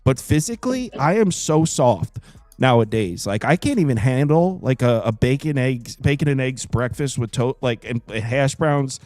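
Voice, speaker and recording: A man in his thirties hosting a sports betting show, chatting casually in an animated, jokey, self-deprecating way. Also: medium pitch, normal speed, no echo. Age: 30s. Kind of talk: casual chat.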